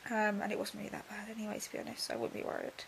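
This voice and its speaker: A young woman talking casually in a video diary, subdued and drowsy as she recovers from surgery, her voice creaky and breaking into breath. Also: mid-range voice, lively intonation, rapid-fire, in a whisper. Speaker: vlogger.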